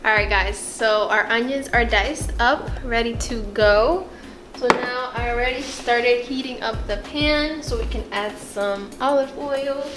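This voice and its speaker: A young woman calmly explaining each step as she cooks in her home kitchen. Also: a little high, a little slow, reverberant, over music. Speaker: home cook. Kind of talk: casual cooking vlog.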